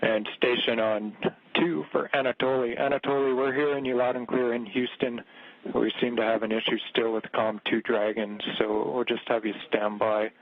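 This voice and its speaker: Gravelly man on a tinny radio link. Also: mid-range voice, fairly even intonation. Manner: measured, uses clipped radio phrasing. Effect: radio transmission. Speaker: mission control communicator. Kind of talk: procedural radio communication. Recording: narrow tinny radio link, roomless dry sound.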